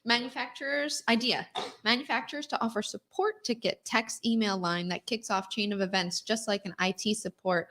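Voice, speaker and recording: A woman's voice: on the high side, fairly even intonation, moderate pace, fairly bright tone. A woman co-hosting a casual live stream, reading viewer comments aloud and laughing easily.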